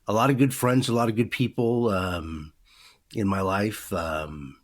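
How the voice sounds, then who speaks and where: This man, a former radio DJ in his 50s from the Pacific Northwest, speaks in a fairly low, steady voice at an unhurried pace. The casual interview chat meanders, packed with fillers.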